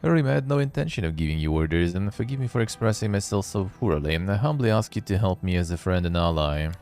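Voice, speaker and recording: A man's voice: deep voice, lively intonation, fast, darkish tone, faint music behind. A man voicing an earnest, commanding holy paladin in a fantasy game, formal and courteous. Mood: humble.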